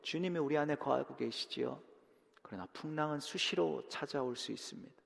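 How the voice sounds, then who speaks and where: A male pastor giving a dramatic sermon, swinging from loud emphasis to hushed, near-whispered lines and acting out short prayers and quotes. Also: a little high, brisk, creaky, in a large hall. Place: church sanctuary.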